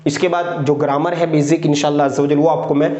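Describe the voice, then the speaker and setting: A man teaching how to write letters and words, speaking patiently, repeating words slowly and checking in with his students as he writes. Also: on the high side, level tone, darkish tone. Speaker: Urdu writing teacher. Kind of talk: spoken lesson explaining letters while writing. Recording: echoey, muffled lo-fi room recording.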